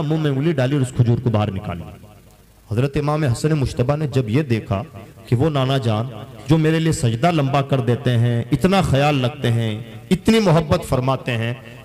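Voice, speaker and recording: An earnest man preaching. His voice sits a little high for a man. He asks his listeners questions and then answers them in his own sermon. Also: a little mellow. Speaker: Islamic preacher.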